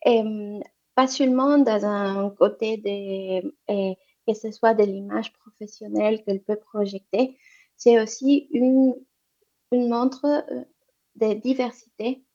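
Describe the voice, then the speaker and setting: Speaking slowly in a mellow mid-range voice with fairly even intonation, a woman fields interview questions about female entrepreneurship. She's a guest from economic development, hesitant, with many fillers and restarts, heard through muffled lo-fi audio.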